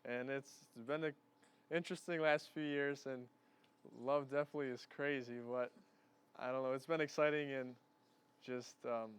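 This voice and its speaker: A young man thanks his guests in an earnest, unpolished way, linking thoughts with fillers. His voice is remarkably smooth and clear, at a middle pitch. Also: fairly even intonation, normal speed. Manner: earnest, loosely strung phrases with fillers. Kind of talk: casual thank-you speech.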